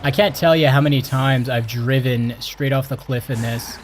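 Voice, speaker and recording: A young man from Canada hosting his gaming channel, chatting excitedly and exclaiming as he plays. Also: mid-range voice, normal speed, slight background noise. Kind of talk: casual game commentary.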